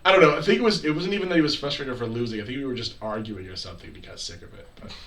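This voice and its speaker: A man chatting casually as a podcast co-host, animated and quick to joke and wander off on tangents. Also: mid-range voice. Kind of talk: casual group chat. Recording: echoey room, far from mic, crowd-like chatter.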